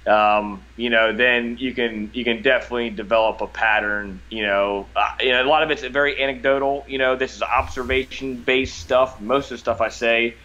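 Bright-voiced man with a rural hillbilly twang. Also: mid-range voice, steady tone, dull audio. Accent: rural American hillbilly twang. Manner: folksy, halting, loosely rambling. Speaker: podcast guest, lifelong fisherman. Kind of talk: casual, rambling conversation.

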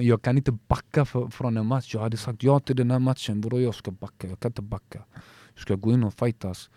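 A man's voice: mid-range voice, dark tone, no room sound. En man som i ett avslappnat poddsamtal berättar känslosamt om en fight, stakande och med många omtag och utfyllnadsord. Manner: emotional storytelling, halting with many restarts and fillers. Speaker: MMA fighter guest. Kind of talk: casual podcast conversation.

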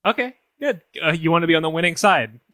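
A man's voice: fairly high pitch, lively intonation, fast, bright, forceful tone, dry recording. A man co-hosting a comedy podcast, bantering playfully in an improvised sketch. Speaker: podcast co-host.

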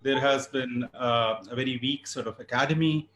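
A man's voice: mid-range voice, normal speed, fairly bright tone, slight background noise. A man speaking formally and in a considered way as an expert panelist in a webinar. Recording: roomy, echoey webinar audio.

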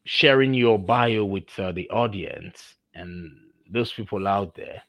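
On the low side but fairly bright in tone, this Nigerian-accented man from Nigeria hosts a podcast and carries a conversational interview. He's effusive yet halting, relying heavily on fillers, and there's no room sound in the recording.

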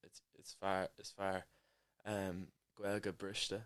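A man's voice: low voice, flat delivery, slow pace, a bit bright, smooth. A man in casual conversation as a podcast co-host, informal, agreeable and a little hesitant.

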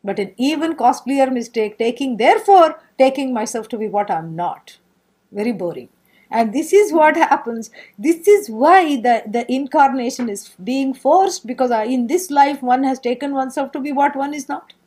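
A woman's voice: sits high, moderate pace, slightly rough. A woman with an Indian accent giving an informal scripture lecture as a spiritual teacher, playful and full of rhetorical questions. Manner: animated storytelling with rhetorical questions and playful humour.

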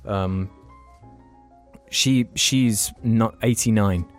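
Faint music plays behind a young man whose low voice moves extremely slowly. As a podcast co-host, he spins a long, meandering tale in casual conversation, cursing freely all the way.

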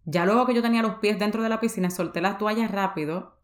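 A young woman from the Dominican Republic hosts her own podcast, telling her story in a candid, confessional monologue with a Dominican accent and English words mixed into her Spanish. Her voice is mid-range and she talks fast, in a roomy-sounding space.

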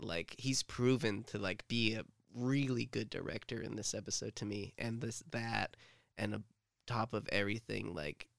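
A man's voice: on the low side, vocal fry, a bit bright, dry recording, clean studio sound. A man chatting casually as a podcast co-host, rambling with lots of fillers and joking asides. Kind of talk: casual fan discussion.

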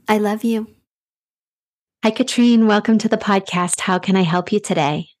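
A woman hosting a podcast, speaking softly and affectionately as she gives a guest an intuitive reading. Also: medium pitch. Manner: slow, soft-spoken, affectionate. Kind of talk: gentle reflective podcast talk.

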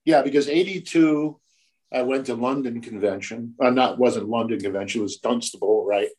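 A man's voice: mid-range voice, normal speed, darkish tone, breathy edge, low-quality recording. An older man, a tattoo artist, telling stories in a casual, profane way and acting out the voices of the people in them. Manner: profane, acts out quoted voices. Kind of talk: casual storytelling.

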